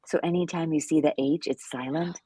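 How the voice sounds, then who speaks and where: Low, mellow-voiced woman teaching casually. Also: steady tone, a little fast, breathy edge, dry recording. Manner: chatty, many fillers, laughs at herself. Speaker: Cantonese teacher co-hosting a live lesson. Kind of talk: casual live-stream teaching chat.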